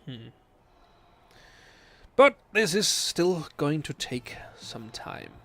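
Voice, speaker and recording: A Danish man in his late twenties streams a game late at night, reading and answering viewer chat questions. He hesitates a lot, using many fillers while hunting for English words. His slightly high, fairly bright voice swings widely in pitch and draws out words.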